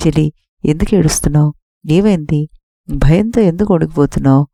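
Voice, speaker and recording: A woman's voice: deep voice, a little fast, vocal fry, dark tone, no room sound. Woman reading as a soothing royal companion. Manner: soothing, reassuring. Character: caring female companion of the princess. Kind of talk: audiobook reading of a story.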